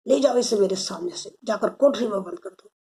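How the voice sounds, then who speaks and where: A woman voicing a stern middle-aged father in a read-aloud story, giving sharp commands to his son. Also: medium pitch, fairly quick, close to an everyday voice. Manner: commanding, scolding.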